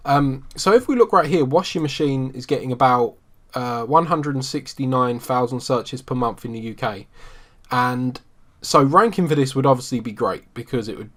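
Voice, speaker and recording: A man's voice: medium pitch, moderate pace. Man in a mid register, easygoing screen-share walkthrough with plenty of ums. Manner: relaxed, conversational, frequent ums. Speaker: SEO marketing instructor.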